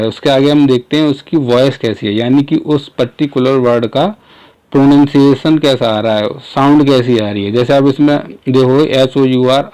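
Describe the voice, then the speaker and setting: A man explaining a grammar point in a casual lesson, asking rhetorical questions and sounding out words slowly. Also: mid-range voice, darkish tone, clear, resonant tone, rough recording. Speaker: English teacher.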